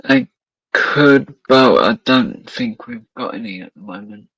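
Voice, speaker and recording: A man on a live-stream panel talking slowly and wearily about being in pain. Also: mid-range voice, animated, vocal fry, a bit bright, slightly rough, no echo, lo-fi sound. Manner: slow, weary, hurting. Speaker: panel guest. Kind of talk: casual live-stream chat.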